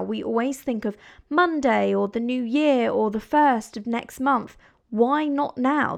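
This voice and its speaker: A woman's voice: mid-range voice, vocal fry. A woman giving a motivational speech, addressing the listener in a direct, emphatic, exhorting way. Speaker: motivational speaker and writer.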